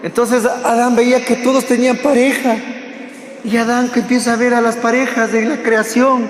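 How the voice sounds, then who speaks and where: A man preaching a sermon to a live audience, fervent and direct, swinging between loud exhortation and hushed tones. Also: very high voice, little pitch movement, moderate pace, slight background noise. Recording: echoey hall with long reverb.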